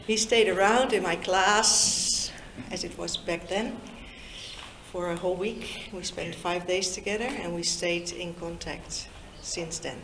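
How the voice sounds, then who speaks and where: Her voice is on the low side: a Dutch-native woman in her fifties giving a chatty, unhurried, warm talk to young people in a Lusaka meeting room, inviting them in with questions. The sound is roomy, with background noise.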